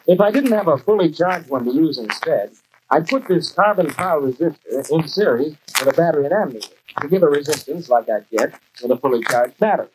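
An American actor playing a keen, plain-spoken young garage mechanic in scripted 1940s training film dialogue. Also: male voice, on the high side, lively intonation, brisk, natural voice. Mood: matter-of-fact. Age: young adult. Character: keen young male garage mechanic explaining his work. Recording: noisy 1940s film soundtrack.

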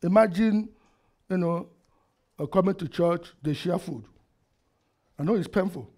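A middle-aged man, preaching a sermon into a headset mic in a church hall, asking the congregation questions and swinging between loud and quiet. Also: high voice, a little slow. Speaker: pastor. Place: church hall with projector screen, indoors.

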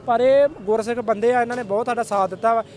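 A man from a community organization speaks earnestly to a news reporter, explaining events at length. His voice sits very high and he talks quickly. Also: steady tone, darkish tone.

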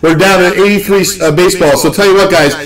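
A young man from the Northeast US hosting a live card-opening stream, rambling and joking with excitement. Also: high-pitched, fast, crowd noise, rough recording. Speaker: card break host.

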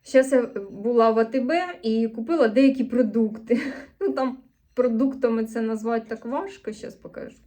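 Woman, Sumy eastern Ukrainian accent, slightly high voice, casual rambling vlog talk, earnest, a bit defensive. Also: moderate pace, dark tone. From Sumy region, eastern Ukraine. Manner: chatty, rambling, with frequent self-corrections; earnest and a little defensive when answering comments. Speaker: vlogger. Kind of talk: casual vlog chat to camera.

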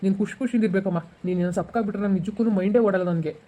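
A man playing a calm, reassuring husband in an amateur village family drama. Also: sits high, very fast. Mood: soothing. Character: gentle, patient rural husband.

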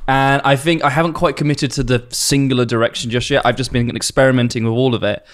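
A man's voice: medium pitch, steady tone, fast talker. Reflective man, late twenties. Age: late 20s. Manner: reflective, swears casually. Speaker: guest video editor. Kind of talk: casual podcast chat.

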